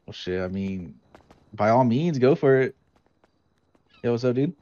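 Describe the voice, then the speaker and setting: Male fast-food worker in improvised game role-play, laid-back and slangy, mid-pitched, slightly muffled voice-chat sound. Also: lively intonation, mellow, no room sound. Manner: laid-back slang, often says dude. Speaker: role-player as burger shop worker.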